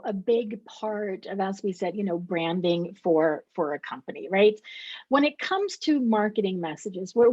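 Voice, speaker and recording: A woman's voice: medium pitch, darkish tone, no echo. Middle-aged woman from Sweden, interview guest, emphatic explainer, dry close sound, slightly dull lo-fi audio. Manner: explanatory, emphatic, with repeated rhetorical "right?". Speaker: interview guest, company co-founder. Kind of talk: conversational interview.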